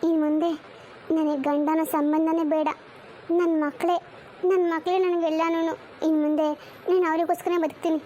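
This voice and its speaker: A woman playing a high-voiced wronged mother. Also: level tone, moderate pace, warm tone, slight background noise. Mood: resigned. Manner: scolding, resigned. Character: wronged young mother of three.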